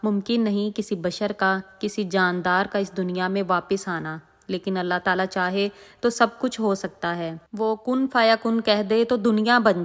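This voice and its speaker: A woman's voice: medium pitch, close to an everyday voice. Woman doing a solemn old holy man. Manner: solemn, measured. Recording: long echoing reverb.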